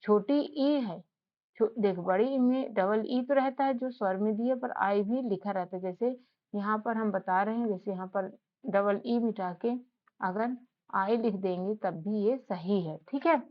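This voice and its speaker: A woman's voice: medium pitch, measured pace. Patient woman teaching a spelling lesson. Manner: patient, repeats questions to the learner. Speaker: English teacher. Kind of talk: casual spoken lesson. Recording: slightly dull lo-fi audio.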